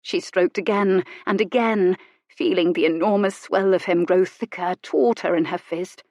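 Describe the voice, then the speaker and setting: A woman narrating a romance novel in an intimate, measured reading. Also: lowish voice, darkish tone, dry recording. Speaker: audiobook narrator.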